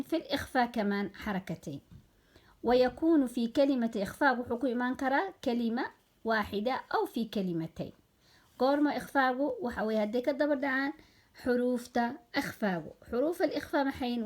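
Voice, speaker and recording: Woman teaching a recitation lesson. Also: on the high side. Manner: mixes classical phrases with explanations, self-corrects counts. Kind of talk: religious lesson explaining rules.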